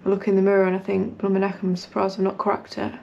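A woman's voice: medium pitch, completely flat delivery, fast talker, gravelly, dull audio, a little hiss or hum. A young British woman chatting casually to her vlog in a colloquial, self-deprecating way. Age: young adult. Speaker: running vlogger. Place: indoors in a house hallway. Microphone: camera at arm's length or propped nearby.

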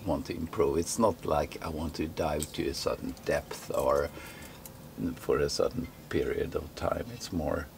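A man's voice: a bass voice, fairly even intonation, measured pace, creaky, a little mellow, slight background noise. A middle-aged man from Sweden, Swedish-speaking, chatting casually in English on a sailboat deck, hesitant with many fillers. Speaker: sailing vlogger. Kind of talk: casual chat. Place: outdoors on a sailboat deck in an anchorage.

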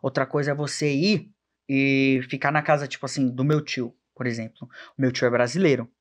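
A man's voice: mid-range voice, little pitch movement, a little fast. A young man, a podcast guest chatting casually and acting out quoted dialogue as he tells stories. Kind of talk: casual chat.

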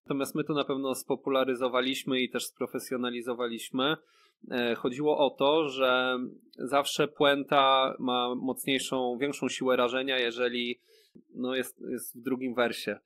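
A man's voice: mid-range voice, flat delivery, moderate pace, a bit bright. A man, a rapper guest on a podcast, explaining things at length in casual talk with many fillers and tag questions. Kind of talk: casual interview chat.

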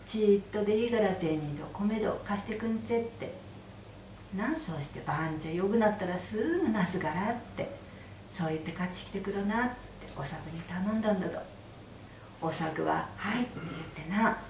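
Woman folk-tale teller, Aizu Fukushima dialect, lowish voice, roomy hall mic'd from afar, faint background noise. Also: distant mic. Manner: gentle, rhythmic with repeated sentence-final "dato". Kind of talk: traditional folk tale telling.

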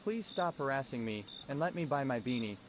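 A man playing a curt, creepy customer in a horror game, with deadpan delivery. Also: medium pitch, brisk, natural voice, rough recording. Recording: background noise with crickets.

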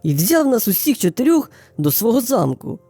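Woman doing a sneaky little hare, super polite and flattering, lively mellow voice, soft music. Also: fairly high pitch, normal speed, dry recording. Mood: pleading. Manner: bowing, flattering, sing-song storytelling. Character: small clever male hare, polite and cunning. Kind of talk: storybook character voice.

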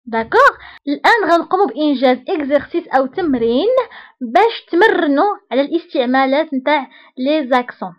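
A French teacher with a Moroccan accent explains an online lesson in a high-pitched, expressive voice, talking fast. She patiently repeats each example word and checks that learners follow, though the sound is lo-fi.

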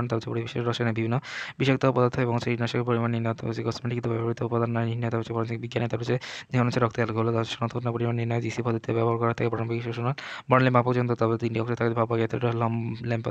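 In a fast-paced exam revision session, a chemistry tutor rattles off point after point, always joined by the same connecting phrase. His voice is medium-pitched, with no room sound and the highs cut off.

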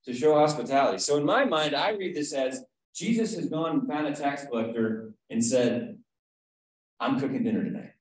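A man's voice: mid-range voice, animated, normal speed. Man, Bible study teacher, conversational, quizzes group, video call, very echoey room. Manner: conversational, asks the group questions, frequent "right?".

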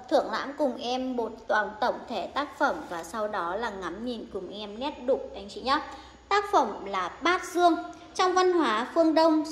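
A young woman showing off a wood carving in an eager, persuasive sales pitch, filmed on a handheld phone. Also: in a large hall. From northern Vietnam. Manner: eager, persuasive, addresses viewers directly. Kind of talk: product showcase sales pitch. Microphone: handheld phone camera.

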